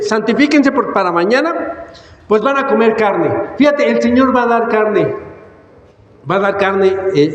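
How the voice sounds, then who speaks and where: Male pastor, high-pitched, emphatic sermon, heavy echo, dull lo-fi sound. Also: a little hiss or hum. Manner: emphatic preaching, repeats words, coughs and apologizes. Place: church hall. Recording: echoey church hall, dull sound.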